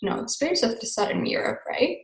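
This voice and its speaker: Speaking fairly quickly, a woman with Finnish as her first language leads a live online class, chatty and casual with easy laughter and rambling asides. She's on a video call mic, and the sound is roomy.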